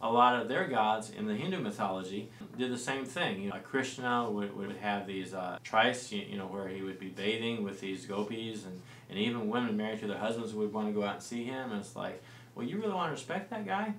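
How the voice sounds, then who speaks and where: A man in his forties explaining early church history in a studio discussion, relaxed and full of fillers and restarts. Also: fairly low pitch, a little fast. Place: small studio set with lamp and plants. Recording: roomy and distant-sounding with faint noise.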